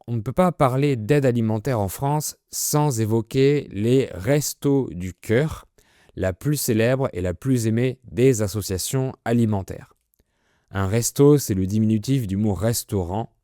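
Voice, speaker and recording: A man's voice: mid-range voice, warm tone, no echo, studio quality. A man presenting an explanatory lesson for language learners in a didactic way, explaining words simply. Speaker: French teacher presenting a listening lesson.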